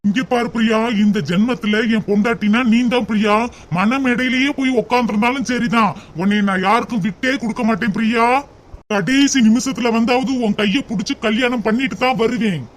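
A devoted young rich boyfriend, voiced by a man in a cartoon, who talks earnestly and reassuringly in a southern Tamil accent. His voice sits very high for a man, with faint noise behind it. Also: a little fast.

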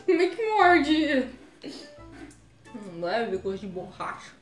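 A woman's voice: high-pitched, very animated, slow pace, recorded from a distance. A young woman with a Brazilian Portuguese accent, chewing while talking as she jokes through a casual taste test. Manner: joking, giggly, playful. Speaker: vlogger. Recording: echoey room with music behind.

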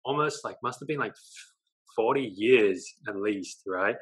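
Speaking from his living room as a guest on a video call, a young dating coach with an Australian accent tells his story in an animated way. His voice is on the low side and unhurried, and he gestures often and tacks "right?" onto his lines.

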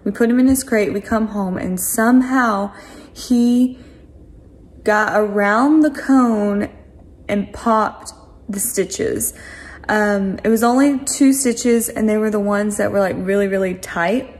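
A woman's voice: mid-range voice, slow, darkish tone. A woman in her twenties chatting casually to a handheld camera in her home kitchen, rambling with lots of ums and likes. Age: 20s. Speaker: lifestyle vlogger. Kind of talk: casual vlog chat to camera. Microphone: phone camera at arm's length.

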